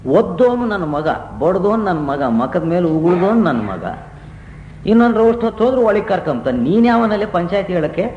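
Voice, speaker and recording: An angry grown son snaps at a meddling monk with rough scorn, as a preacher acts him out. He speaks fast and bitterly. The room echoes, with faint hiss behind. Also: high voice, very animated, a little mellow, highs cut off. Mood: scornful. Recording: roomy 1990s satsang recording with faint hiss.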